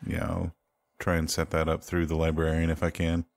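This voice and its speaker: Super deep gravelly guy playing a tabletop game, hesitant, thinks out loud. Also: monotone, fairly quick. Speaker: player. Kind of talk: casual tabletop game play.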